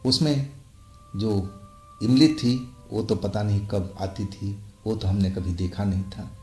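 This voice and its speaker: A man narrating a first-person ghost story with slow, halting, suspenseful phrasing. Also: on the low side, fairly even intonation, dark tone. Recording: echoey room with music bed.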